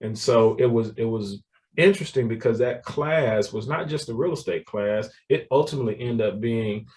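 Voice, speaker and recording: A man's voice: medium pitch, moderate pace, distant mic. Laughing man, mic held back. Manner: animated storyteller, laughs often, repeats words. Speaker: guest, real estate developer. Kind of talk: casual interview talk.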